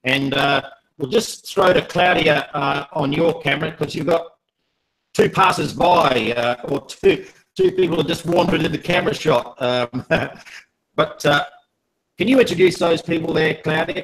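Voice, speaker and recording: A man's voice: fairly high pitch, fairly even intonation, moderate pace, vocal fry, fairly bright tone, low-quality recording. A man hosting a live online panel, jokey and rambling with many fillers. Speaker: host.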